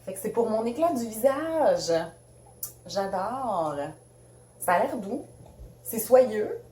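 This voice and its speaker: A woman's voice: fairly high pitch, lively intonation, slow, dark tone, roomy sound, slight background noise. A woman with a Québécois French accent chatting casually and bubbly as she unboxes makeup for a beauty vlog, laughing often. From Canada. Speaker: beauty vlogger.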